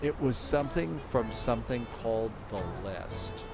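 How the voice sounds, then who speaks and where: On his live flight-sim stream, a man reads viewers' comments and chats casually, thinking things through out loud. His medium-pitched voice has lively intonation and a moderate pace, and clear background music can be heard.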